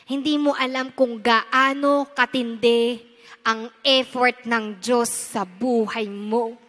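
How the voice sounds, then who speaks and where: A Filipino woman pastor preaches with a high, bright voice, switching between Tagalog and English. She swings between loud emphatic lines and hushed, intense ones. Her sermon carries a long reverb from a large church hall.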